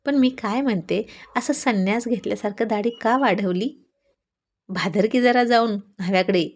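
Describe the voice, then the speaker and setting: A woman's voice: fairly high pitch, normal speed. Woman doing a teasing chatty village girl. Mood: playful. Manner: bold, playful and talkative.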